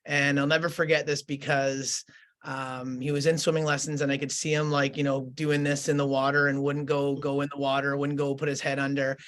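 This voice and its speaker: A man, a school principal telling a story in conversation, earnest and halting, with many fillers and restarts. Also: mid-range voice, monotone, a bit bright.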